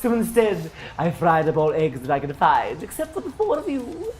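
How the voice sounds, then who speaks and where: A woman's voice: low voice, very animated, normal speed, a little mellow, soft background music. A woman voicing a sly, gleeful male satyr in a tabletop game, with flowery, grandiose, singsong speech. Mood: grandly gracious.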